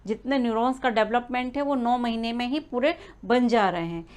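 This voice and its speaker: A woman with a somewhat high-pitched voice gives an explainer lesson to pregnant mothers. She talks things through at an easy teaching pace, pausing on "uh" and correcting herself mid-word now and then. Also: darkish tone, clean tone. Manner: explanatory, many "uh" fillers and restarts. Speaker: prenatal learning coach.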